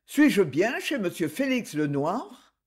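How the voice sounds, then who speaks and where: A woman's voice: medium pitch, sing-song, slow, darkish tone, breathy edge, full character voice. A woman voicing a puzzled young man who stammers apologies and questions. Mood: flustered apologetic. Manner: hesitant, apologetic.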